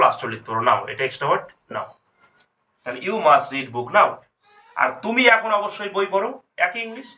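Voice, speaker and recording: Male teacher, high-pitched and brisk, walks students through grammar step by step. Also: sharp tone. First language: Bengali. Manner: explains step by step, asks students questions. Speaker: English teacher. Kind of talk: spoken grammar lesson.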